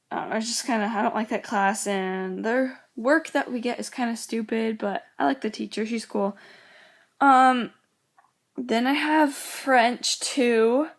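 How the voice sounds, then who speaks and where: Sick with a cold that makes her voice cut in and out, this teen vlogger chats casually in a fairly high voice. Her talk wanders, packed with "like"s and quotes of what others said.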